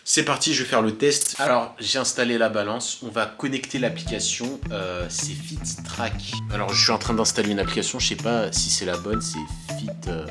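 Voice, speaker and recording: A young man in his early twenties talks to camera from his room at home. His voice sits a little low, and his chat is easygoing, joking and self-mocking. Clear music plays behind him. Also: moderate pace, hardly any pauses. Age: early 20s. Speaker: fitness vlogger. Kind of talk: casual vlog chat.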